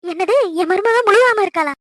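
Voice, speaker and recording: A woman's voice: high voice, fairly even intonation, fast talker, heavy background noise. A woman voicing a worried, talkative middle-aged mother in a cartoon, scolding and dramatic. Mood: fretful. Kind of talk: cartoon voice acting.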